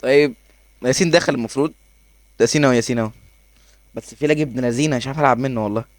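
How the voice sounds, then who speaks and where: A man with an Egyptian accent giving excitable gameplay commentary, laughing often and talking to himself as he plays. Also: mid-range voice, racing, a little hiss or hum. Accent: Egyptian Arabic. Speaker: gaming YouTuber.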